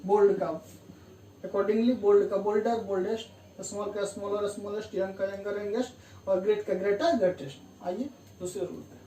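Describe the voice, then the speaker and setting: A woman's voice: medium pitch, steady tone, moderate pace, mellow. A woman teaching an English grammar lesson, explaining rules step by step, repeating key terms and often checking that the class is following. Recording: distant roomy mic with faint room hum.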